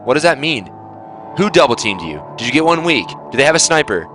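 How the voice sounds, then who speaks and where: A man's voice: medium pitch, very animated, a little fast, music in the background. A young man giving his gaming team a blunt, lecturing talk on their attitude, swearing freely. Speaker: team captain.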